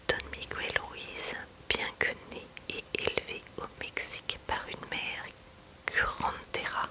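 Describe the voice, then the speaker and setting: A woman speaking in a soft library whisper as an ASMR host, presenting books in a chatty way and reading passages aloud. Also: rough recording. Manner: unhurried, chatty delivery mixed with reading aloud.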